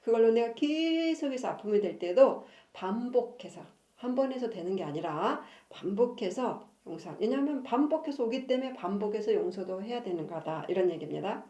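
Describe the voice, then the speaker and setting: Mellow-voiced woman with frequent laughs. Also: medium pitch, expressive, moderate pace, few pauses. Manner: chatty, laughs often between sentences. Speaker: family counselor and channel host. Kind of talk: casual talk on marriage, reading from her own book. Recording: echoey room.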